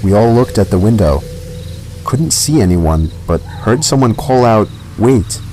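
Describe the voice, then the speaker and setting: Low-voiced man narrating a horror story. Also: lively intonation, a little slow, a little mellow, faint music behind, poor audio. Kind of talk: scripted first-person narration.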